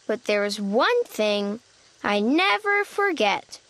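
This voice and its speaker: A woman narrates a children's storybook expressively, slow and very animated, at medium pitch with a fairly bright tone. She voices an earnest, forgetful little boy critter in a childlike manner.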